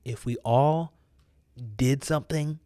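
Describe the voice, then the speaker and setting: A man's voice: medium pitch, slow pace, warm tone, no room sound, studio quality. American man preaching with emphatic urging. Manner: exhortative, emphatic, repeats phrases for effect; casual youthful slang. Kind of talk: motivational preaching, informal.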